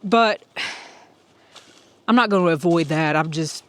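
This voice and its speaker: Slow-talking woman on a hiking trail. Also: fairly low pitch. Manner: heartfelt, emotional, thinking aloud. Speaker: hiker vlogging as she walks. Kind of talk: casual audio vlog.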